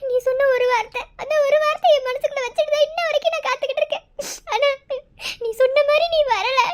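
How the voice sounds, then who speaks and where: A woman's voice: very high voice, fast. A woman voicing a heartbroken young mother in a cartoon love story, tearful and sobbing as she speaks. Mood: grieving. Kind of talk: Tamil cartoon voice acting.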